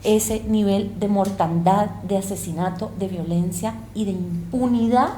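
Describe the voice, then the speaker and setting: A woman's voice: medium pitch, a little slow, warm tone, slight background noise. Earnest woman in an echoey room. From El Salvador and Colombia. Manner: earnest, impassioned, reflective. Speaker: guest, university lecturer and researcher. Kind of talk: conversational interview.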